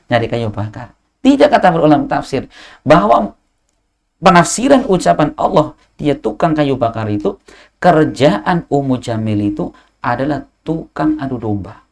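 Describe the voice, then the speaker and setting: A man's voice: medium pitch, darkish tone. A man giving an Islamic study lecture, telling stories with Arabic quotes and asking the audience questions. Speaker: preacher.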